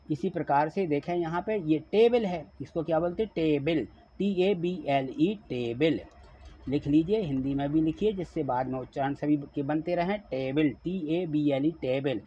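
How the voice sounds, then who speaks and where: Male teacher, fairly high voice, husky, spells words letter by letter, asks questions. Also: normal speed, warm tone. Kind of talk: classroom lesson explaining a worksheet. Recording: dull lo-fi recording.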